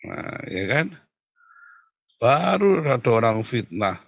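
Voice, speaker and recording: A man preaching a sermon in a casual, animated way, often calling out to his listeners and acting out little quoted exchanges. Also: slow pace, vocal fry, dry recording, studio quality. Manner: animated, jumps to loud high exclamations and acted quotes; colloquial, addresses listeners as Saudara. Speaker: pastor.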